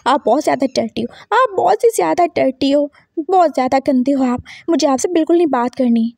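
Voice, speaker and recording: A woman's voice: high-pitched, expressive, brisk, vocal fry, darkish tone, dry recording, studio quality. A woman voicing a whiny, innocent young man who sulks and complains in a tearful, pouting way. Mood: indignant.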